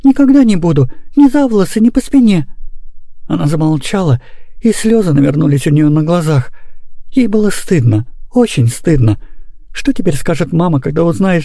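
A man narrating a children's story aloud in an expressive, animated way. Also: high-pitched, vocal fry, dry recording, studio quality. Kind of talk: audiobook reading of a children's story.

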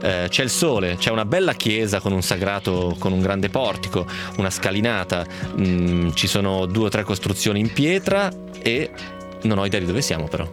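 A man hosting a radio show, chatting casually and reading listener messages, relaxed and a little hesitant. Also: low-pitched, moderate pace, over music. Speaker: radio host.

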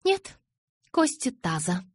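A woman reading an audiobook, voicing a lively young female vampire in a breathy, sing-song voice. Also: fairly high pitch, takes it slowly, no room sound, voice pushed up, exaggerated voice. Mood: teasing. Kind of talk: audiobook character voice.

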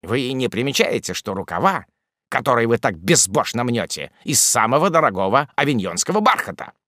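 A man's voice: medium pitch, very animated, fairly quick, bright, forceful tone, dry recording, clean studio sound. A man voicing a mocking, foppish young officer who speaks with affected, ironic politeness. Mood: sneering.

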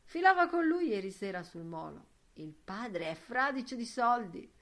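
A woman's voice: fairly high pitch, sing-song, moderate pace, a bit bright, pitched above the performer's own voice. A woman reading an audiobook voices a chatty young man trading gossip. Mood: gossipy.

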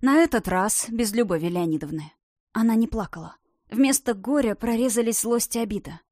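A woman narrating an audiobook in an even, measured reading voice. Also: a little high, no room sound, studio quality.

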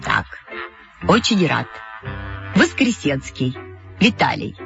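A woman reading an audiobook, voicing a pompous, lanky schoolboy radio reporter with a nasal, self-important tone, lower than her own voice. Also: sing-song, slow pace, creaky, a bit bright, highs cut off, faint music behind, full character voice.

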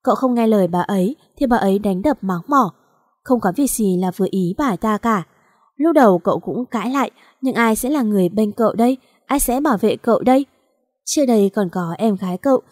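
A woman narrating a sad story in a slow, mournful reading style. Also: medium pitch, a little mellow, dry recording, studio quality. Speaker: audiobook narrator.

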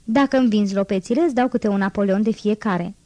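A woman voicing a brash, hoarse male charlatan dentist hawking to a crowd, in an audiobook reading. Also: medium pitch, warm tone, no room sound, close to an everyday voice. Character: loud charlatan street dentist, man, hoarse and pushy.

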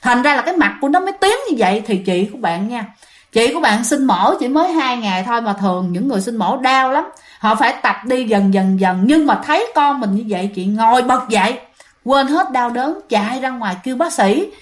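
A woman with an animated, fairly quick voice on the high side tells a ghost story casually. She's chatty and speaks straight to her listeners.

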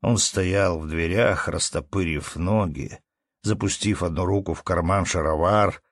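A man narrating a classic story as an audiobook in a slow, measured way. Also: low voice, no room sound, clean studio sound.

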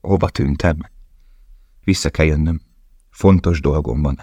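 A desperate young male prisoner gives urgent, commanding instructions, as a man reading a novel plays him. The voice is very deep. The sound is close and dry. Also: warm tone, husky, no echo, heavily acted.

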